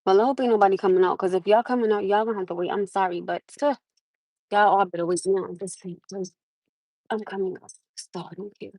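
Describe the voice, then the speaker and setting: A fast-talking woman with a steady, somewhat mellow mid-range voice chats live with her viewers from her parked car via phone camera. She's from the United States, laughs often, and calls them "my love." The recording is dry and of poor quality.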